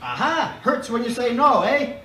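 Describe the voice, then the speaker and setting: A man voicing a fast-talking, wisecracking male doctor with gruff, mock-grumpy jokes, read aloud in a roomy hall. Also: very high-pitched, very animated, pushed and bright, voice pushed up, full character voice. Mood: grumpy teasing. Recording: roomy hall picked up from a distance.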